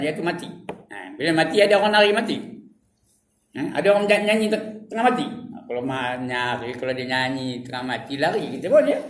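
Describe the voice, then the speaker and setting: A man with a Malaysian Malay accent giving an evening religious lecture in a prayer hall, animated, mimicking laughter and asking his listeners questions. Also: a little high, slight background noise. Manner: animated, mimics laughter and crying, asks the audience. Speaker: religious teacher. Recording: echoey, distant mic with faint room ambience.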